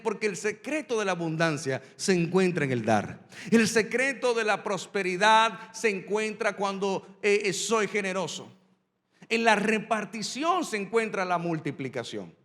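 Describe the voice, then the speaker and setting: A man preaching as a pastor, his voice pitched high for a man. He leans on repetition and dramatic pauses to drive his points home. A long, hall-like reverb trails behind every phrase. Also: fairly bright tone. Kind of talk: sermon storytelling.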